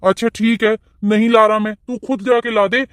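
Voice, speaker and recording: Man voicing a soft-spoken cartoon farmer. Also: sits high, steady tone, moderate pace, clear, resonant tone, no echo. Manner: placating, patient. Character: mild-mannered farmer, older brother-in-law.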